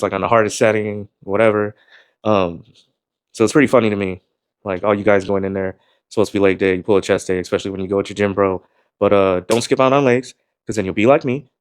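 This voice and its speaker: A man vlogging casually to camera about gym shirts, talking in a rambling, laid-back way, swearing now and then, with a voice he calls monotone. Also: on the low side, fast, smooth, no room sound, studio quality. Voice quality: calls his own voice monotone.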